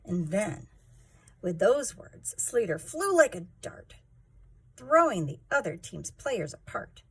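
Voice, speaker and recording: In a mid-range, creaky and husky voice, this female storytime reader takes her time, reading rhyming picture-book verses with rhythm and expression.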